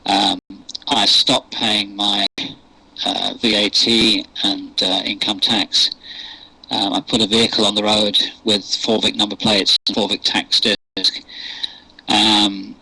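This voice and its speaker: A man's voice: fairly low pitch, little pitch movement, slow, creaky, bright, forceful tone, slightly rough, no echo, rough recording. An older man with a posh English accent, answering interview questions in a hesitant way with many fillers and restarts. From England. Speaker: interview guest. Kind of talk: unscripted radio interview.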